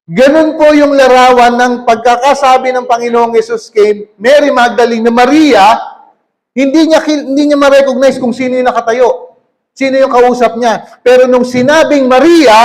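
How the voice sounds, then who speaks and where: A man's voice: extremely high pitch, moderate pace. A man preaching, reading scripture verses aloud and then explaining them to his congregation, often checking in with "okay?".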